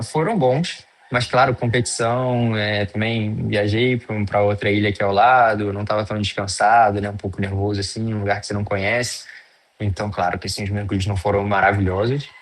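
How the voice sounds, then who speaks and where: A man with a Brazilian Portuguese accent, a guest in a casual interview, talking in a loose, hesitant way with many fillers and restarts. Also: on the low side. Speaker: guest, freediver.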